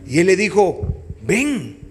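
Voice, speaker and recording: A man's voice: big pitch swings, a little slow, faint music behind. A man preaching a sermon as pastor, in a dramatic style that rises and falls. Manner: dramatic preaching with sweeping pitch swings.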